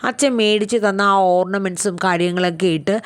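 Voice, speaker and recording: A woman's voice: mid-range voice, steady tone, brisk, smooth, no room sound. Lady casually retelling a soap episode, friendly chatty tone, dead dry sound. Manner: chatty, often ends lines with a friendly tag word. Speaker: TV serial recap narrator.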